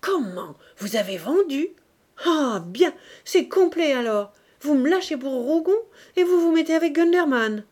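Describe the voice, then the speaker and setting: A woman voicing an angry middle-aged male financier who shouts in an audiobook reading. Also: high voice, expressive, normal speed, few pauses, pitched above the performer's own voice. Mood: furious. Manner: shouting, explosive. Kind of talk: audiobook character voice.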